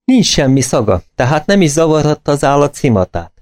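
A man voicing a sharp, decisive male detective with a brisk, clipped delivery in a storybook reading. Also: on the high side, sing-song, voice pushed up. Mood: dry.

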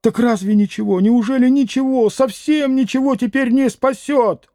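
A poor army captain who pleads in desperation, read by a man. The voice sits high and mellow, and the recording is dry. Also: normal speed, dry recording. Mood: pleading.

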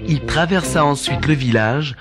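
A man narrating a children's story in an expressive, animated reading. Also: medium pitch, normal speed. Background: faint background music.

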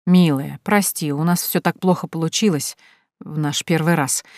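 A woman's voice: low voice, steady tone, moderate pace, no room sound, clean studio sound. A woman reading the lines of a smug, wheedling young man who chases women. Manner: wheedling, then bitter and shouting.

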